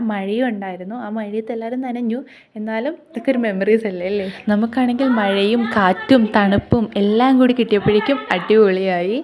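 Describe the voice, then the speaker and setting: A woman's voice: mid-range voice, a little mellow. A woman giving a casual travel vlog voice-over, with English words mixed into her Malayalam. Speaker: travel vlogger.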